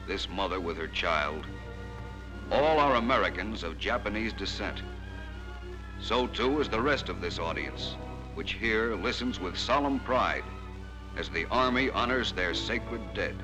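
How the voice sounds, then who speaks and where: A man's voice: low-pitched, animated, measured pace, low-quality recording. A man giving declamatory, solemn and emphatic narration in the style of a 1940s wartime newsreel. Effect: old newsreel narration. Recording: narration over a loud music score.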